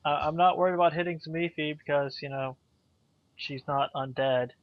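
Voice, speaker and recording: A man's voice: a little high, fairly even intonation, moderate pace, dry recording. A man chatting casually as a player in a tabletop role-playing game. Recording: dull, muffled sound.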